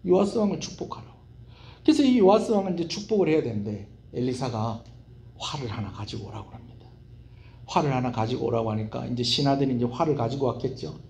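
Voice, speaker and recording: Brief: male pastor, midweek sermon, animated, mellow tone, echoey sanctuary. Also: mid-range voice, fast talker, gravelly. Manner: animated, asks the congregation questions. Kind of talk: Wednesday evening sermon. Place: church sanctuary. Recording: roomy church hall echo.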